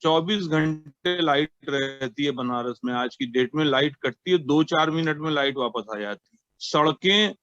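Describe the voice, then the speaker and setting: A man's voice: fairly high pitch, unhurried, a bit bright, no room sound. A man from Varanasi, a shopkeeper answering an interviewer with wry anecdotes and quoted lines. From Varanasi, India. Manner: anecdotal, wry, quotes scripture and plays out dialogue. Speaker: shopkeeper and trade association member. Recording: dull lo-fi sound.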